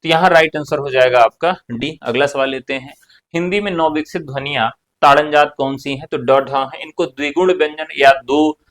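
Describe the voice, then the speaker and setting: A man's voice: on the high side, fairly even intonation, moderate pace, a bit bright. Man teaching Hindi grammar, question-and-answer style. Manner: explanatory, asks and answers own questions; casual joking asides. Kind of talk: online exam-prep lecture.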